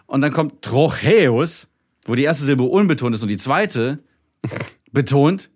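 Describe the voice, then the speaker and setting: A man's voice: mid-range voice, animated, unhurried. A man co-hosting a casual podcast chat, talking animatedly, laughing and imitating speech sounds. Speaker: podcast co-host.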